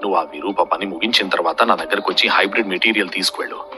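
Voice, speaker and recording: A man's voice: low voice, very fast, over music, lightly acted. A man reading the lines of a scheming young warrior woman from a fantasy story, in a plain storytelling voice. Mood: sly.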